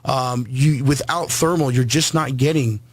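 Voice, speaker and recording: A man's voice: mid-range voice, measured pace, no room sound. Earnest man home inspector on talk radio. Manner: many ums and restarts, earnest. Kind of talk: radio interview, explaining his business.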